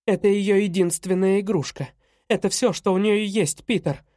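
A man's voice: high voice, moderate pace, a little mellow, no echo, clean studio sound, lightly acted. A man voicing a frightened, battered young mother who begs breathlessly in an audiobook. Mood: desperate. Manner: begging, breathless.

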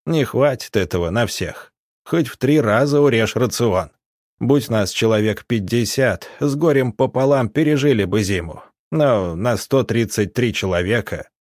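A man's voice: medium pitch, lively intonation, moderate pace, a little mellow, dry recording, clean studio sound, lightly acted. Old village elder, 60s, weary and grumbling; male reader does him. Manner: tired, grumbling.

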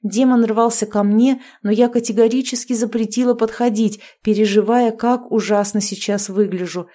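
A woman's voice: on the high side, steady tone, moderate pace, mellow. Woman narrating a fantasy audiobook. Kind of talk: first-person fantasy novel reading.

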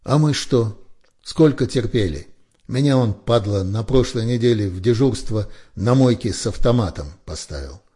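A hot-tempered young soldier complains in a heated, raised voice, as a male narrator puts him on. The voice stays husky and fairly low underneath. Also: lively intonation, normal speed, dark tone. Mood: indignant. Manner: indignant, heated.

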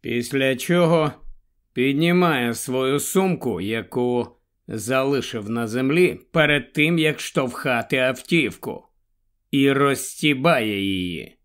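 A man narrating a story aloud in a measured, unhurried way. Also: medium pitch, fairly bright tone, clean tone. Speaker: audiobook narrator. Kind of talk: scripted narration.

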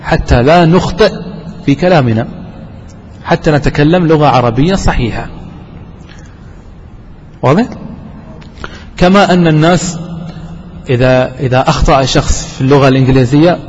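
A man with a fairly high voice teaches a grammar lesson. He keeps asking the class questions and then answers them himself. The recording is dull, and a long reverb rings around him in a lecture room. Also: moderate pace, long pauses, a little mellow, slightly rough.

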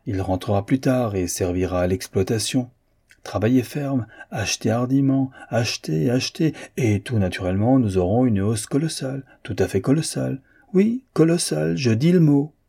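A man reading aloud and voicing a calm, cheerful American financier with a smooth, confident salesman's pitch. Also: moderate pace.

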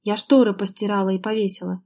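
A heated, jealous young wife snaps out accusations, her voice climbing and sharpening as she presses her husband, voiced by a woman reading an audiobook. The tone stays mellow and warm underneath, even at full volume. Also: medium pitch, fast, lightly acted. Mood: shouting. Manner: reproachful, sharp, raised voice.

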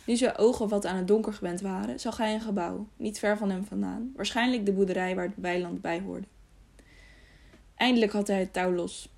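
A woman narrating an audiobook in a calm, measured storybook reading. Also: medium pitch, gravelly.

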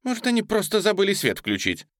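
A man voicing an excitable, mischievous boy who teases his friends in an audiobook. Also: high-pitched, fast talker, dry recording, studio quality, voice pushed up, exaggerated voice. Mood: excited. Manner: eager, teasing.

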